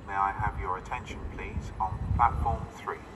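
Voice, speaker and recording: Distant man's station loudspeaker announcement. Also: low-pitched, steady tone, normal speed. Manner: formal, set phrasing. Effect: station public address loudspeaker. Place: open railway platform. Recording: distant station loudspeaker, loud train noise.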